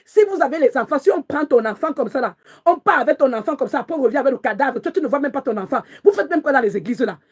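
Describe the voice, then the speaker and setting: A woman's voice: high voice, animated, fast talker. A woman prophetess preaching with passion and anger, crying out to God in prayer and repeating her words again and again. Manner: angry, repetitive, calls out to God.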